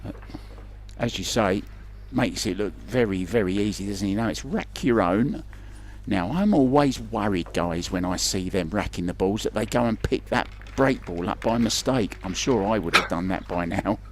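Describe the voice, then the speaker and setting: A sports commentator with a lowish voice, speaking at a normal pace, calls a pool match live from his own location. His commentary is chatty, conversational and self-deprecating, with slight background noise in the recording.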